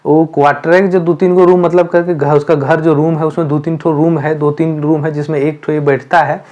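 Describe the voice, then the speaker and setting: A man's voice: on the high side, little pitch movement, a little fast, darkish tone, highs cut off. A man teaching, explaining a story line by line for exam preparation, repeating himself and using many fillers.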